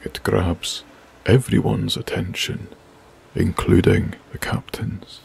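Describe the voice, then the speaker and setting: Deep, gravelly, slow sleep-story narrator man. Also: little pitch movement. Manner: soft, hushed, breathy.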